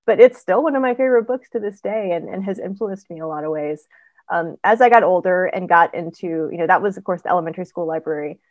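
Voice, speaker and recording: A woman author chatting as a guest on a podcast interview, telling stories in an animated way with frequent ums. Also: lowish voice, no echo, highs cut off. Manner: animated storyteller, quick asides, frequent ums. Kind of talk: casual interview chat.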